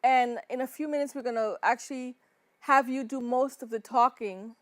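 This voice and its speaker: High-voiced woman hosting an interview. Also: fairly even intonation, moderate pace, no room sound. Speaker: show host. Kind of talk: hosted interview.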